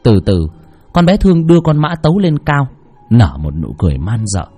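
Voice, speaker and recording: A man's voice: wildly swooping pitch, normal speed, warm tone, husky, soft background music. A man narrating a horror story dramatically. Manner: dramatic, shifting pitch for effect.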